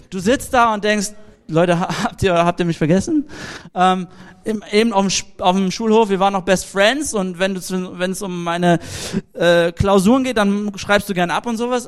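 High-voiced man preaching a casual sermon. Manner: lively, anecdotal, direct address to the audience.

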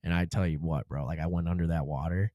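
Deep-voiced laid-back man telling a story. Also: steady tone, quick pace, mellow, no room sound, clean studio sound. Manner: laid-back, slangy, peppers speech with "dude" and "bro". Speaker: podcast guest. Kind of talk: casual storytelling conversation.

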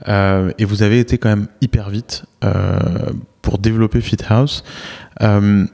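Man, interviewer, somewhat low voice, casual and repetitive questions. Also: flat delivery, measured pace, creaky, dark tone. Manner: informal, repeats himself. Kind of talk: business interview.

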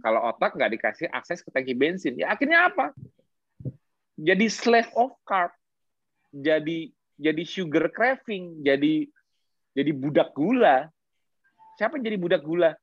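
Lively speaker firing rhetorical questions. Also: mid-range voice, measured pace, pauses often, no echo, lo-fi sound. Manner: animated, rhetorical questions, mixes English terms. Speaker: guest explaining health science. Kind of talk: casual explanatory podcast talk.

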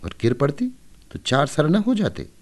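A man's voice: a little high, very animated, moderate pace, pitched above the performer's own voice. A man voicing a bossy, anxious young boy who scolds his little sister in a storybook reading. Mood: threatening.

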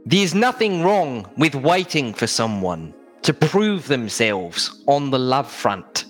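A man doing a horoscope reader with a shaky South African accent, delivered at a slow, deliberate pace in a middle-pitched voice that sits a little low. Faint music hums underneath. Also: big pitch swings. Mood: mock-solemn. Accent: South African, put on.

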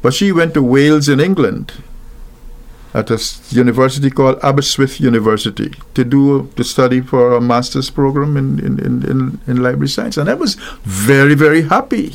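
An older Guyanese man reflects slowly on marriage and equality in a medium-pitched voice with a gravelly, creaky edge. Thoughtful and halting, he often stops and restarts, filling gaps with soft hesitations.

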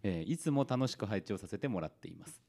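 A man's voice: fairly low pitch, expressive, quick pace, darkish tone, a little hiss or hum. A man from co-hosting a casual talk show, reading listener mail aloud and laughing often. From Kagoshima, Japan. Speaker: podcast co-host.

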